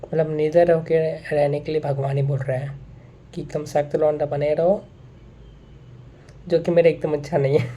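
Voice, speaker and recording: A man's voice: on the high side, little pitch movement, moderate pace, long pauses, warm tone, lo-fi sound. A young man talking straight to his viewers in a casual monologue, earnest and repeating his points, with English phrases mixed in. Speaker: vlogger.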